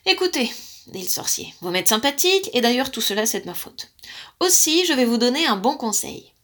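A woman voicing a bumbling, apologetic male sorcerer in a storybook tale, speaking briskly. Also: on the high side, sing-song, fairly bright tone.

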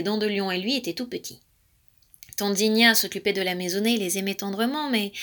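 A woman narrates a children's animal tale with lots of expression. Her voice is bright and fairly high, rising and falling freely as she reads. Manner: lively, expressive. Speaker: storyteller. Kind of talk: expressive children's story reading.

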